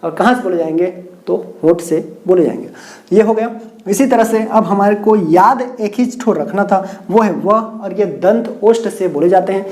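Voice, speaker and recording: Mellow-voiced man teaching at a board. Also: high-pitched, moderate pace. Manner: repetitive, asks and answers own questions. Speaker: Hindi grammar teacher. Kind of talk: whiteboard lecture with mnemonics.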